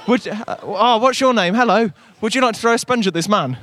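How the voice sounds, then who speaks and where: A man's voice: high voice, fairly quick, fairly bright tone, a faint crowd. A man presenting a live local radio broadcast from an outdoor village fair, chatty and upbeat.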